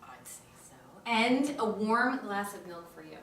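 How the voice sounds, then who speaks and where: A woman's voice: mid-range voice, lively intonation, unhurried, fairly bright tone, slight background noise. A woman playing an anxious, playful young woman in love in a live stage play. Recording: roomy stage, mic far off.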